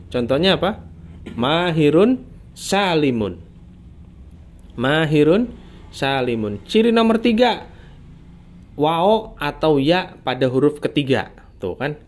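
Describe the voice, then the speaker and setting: A man's voice: a little high, darkish tone. A man teaching Arabic grammar who patiently quizzes his student, corrects the reading and has it repeated. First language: Indonesian.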